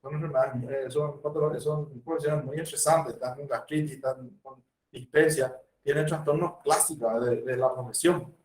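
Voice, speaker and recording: A man with a Paraguayan Spanish accent delivers a university medical lecture, using examples and acted-out patient dialogues. His mid-range voice keeps a steady tone at a moderate pace. The recording sounds roomy, picked up from well away from the mic.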